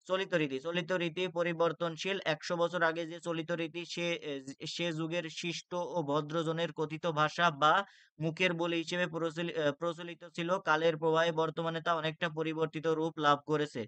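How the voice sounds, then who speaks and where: A man's voice: fairly high pitch, level tone, normal speed, fairly bright tone, clean tone, dry recording. A young man tutoring for an exam, reading rules aloud with many "ah" fillers and restarts. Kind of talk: exam-prep lecture.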